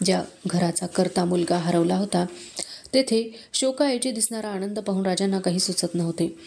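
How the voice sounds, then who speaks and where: A woman narrator reading a historical novel aloud in a steady, measured storytelling manner. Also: mid-range voice, vocal fry, slight background noise.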